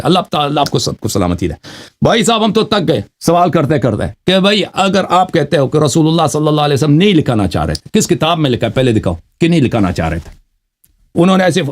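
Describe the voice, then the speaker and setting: A man arguing in a heated religious debate on a live call-in show, pressing the same pointed questions again and again. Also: a little high. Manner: insistent, repeats pointed questions.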